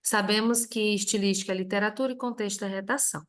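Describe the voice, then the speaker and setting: A teacher with a Brazilian Portuguese accent reviews a grammar lesson at a quick pace, her medium-pitched voice fairly even. She works through it clearly, step by step, stressing each example word.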